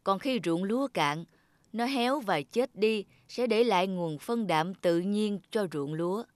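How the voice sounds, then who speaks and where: Woman playing a calm wise old Buddha spirit. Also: mid-range voice, measured pace, background noise, close to an everyday voice. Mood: solemn. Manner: calm, solemn, instructive. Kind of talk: cartoon voice acting. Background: children's music.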